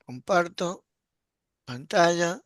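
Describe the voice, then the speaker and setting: A man teaching a Greek grammar class online, explaining patiently and often checking in with a quick question. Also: high voice, dry recording, studio quality. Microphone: computer mic while screen sharing.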